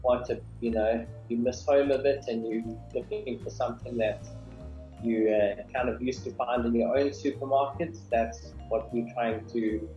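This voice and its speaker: A man with a South African accent talks easily about his work, pausing often on ums and uhs. He sounds like he is in an echoey room, heard through a dull, muffled webcam mic. Faint music sits behind him. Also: mid-range voice. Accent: South African English. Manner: relaxed, with frequent ums and uhs. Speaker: guest, business founder. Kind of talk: video call interview. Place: small home office indoors. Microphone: webcam on a video call. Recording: dull, roomy video call audio.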